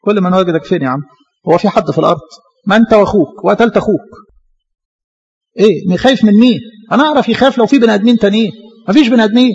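A man preaching with an Egyptian accent, his voice high and a little husky. He races through his sermon, firing rhetorical questions at the congregation. The recording sounds dull and muffled. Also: racing, darkish tone. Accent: Egyptian Arabic.

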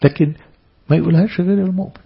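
Gravelly Egyptian preacher, man. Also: high-pitched, rapid-fire, muffled recording. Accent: Egyptian Arabic. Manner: emphatic, swinging between loud stresses and soft asides. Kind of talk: church sermon.

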